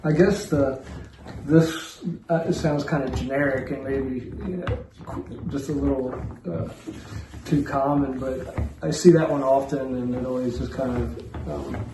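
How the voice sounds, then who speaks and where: A man's voice: mid-range voice, steady tone, a little slow, dark tone, reverberant, slight background noise, rough recording. A man in a casual chat, speaking thoughtfully and with some hesitation. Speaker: interviewee.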